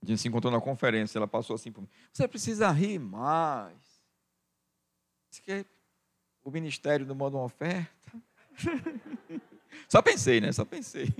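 A middle-aged man with a Brazilian Portuguese accent, preaching a sermon as pastor, calling the congregation "dear" over and over and swinging from hushed to loud. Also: medium pitch, sing-song, fast talker. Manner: addresses the congregation as "querido" constantly, swings from quiet to loud.

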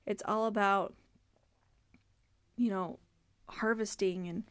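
A woman's voice: medium pitch, fairly even intonation, takes it slowly, dry recording. A woman hosting a devotional podcast for mothers, talking in an earnest, heartfelt, conversational way with many fillers. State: tearful, choked up. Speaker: podcast host.

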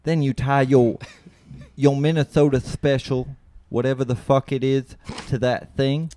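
A man in casual podcast chat, animated and joking, swearing freely. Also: mid-range voice, measured pace, no echo.

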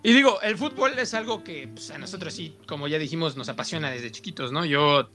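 Bright, high-voiced young Mexican man. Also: brisk, soft background music. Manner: slangy, animated storytelling. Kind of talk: casual chat, reminiscing with a friend.

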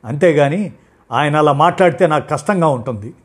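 A proud working wife, quick to anger, her voice raised high and loud with a breathy rasp. She argues indignantly and will not back down, as a male storyteller puts her on. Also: expressive. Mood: firm. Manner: shouting, indignant, heated. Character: angry young working wife, proud, sharp-tongued.

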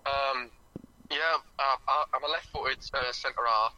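A young man's voice comes through a phone on speaker, very bright and thin in tone. His pitch hardly moves as he talks. He answers in a halting, modest way, filling the gaps with "um" and "like". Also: fairly even intonation, muffled recording. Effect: heard over a phone on speaker. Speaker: footballer guest calling in. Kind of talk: casual phone-in interview.

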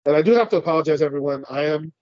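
Talking at a racing pace, a congested California man co-hosting a podcast rambles, swears casually, and laughs frequently. His pitch is fairly high and his tone darkish, captured in dull audio with no echo.

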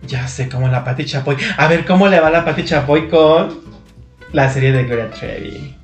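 A chatty man with a Mexican Spanish accent, his voice pitched a little high and full of dramatic exclamations. He gossips casually on a podcast. The room is echoey, with guitar music playing behind him. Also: normal speed. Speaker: podcast co-host.

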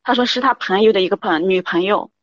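A woman's voice: medium pitch, fast, dry recording, dull audio. A woman calling in to tell her story in a rambling, confiding way, repeating "I said" again and again. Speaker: caller. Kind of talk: confiding call-in account.

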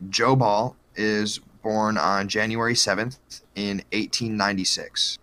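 A man's voice: lowish voice, steady tone, unhurried, sharp tone. A man co-hosting a podcast, telling a true-crime story in a joking, profane, casual way. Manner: joking, profane, lots of fillers.

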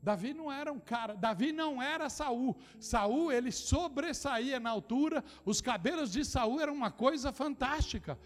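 High-voiced Brazilian pastor preaching fervently. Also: male voice, expressive, normal speed, hardly any pauses. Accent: Brazilian Portuguese, São Paulo. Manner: impassioned preaching that swings from low, intimate asides to shouted declarations; addresses the congregation directly with repeated phrases. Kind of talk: Pentecostal sermon to a congregation.

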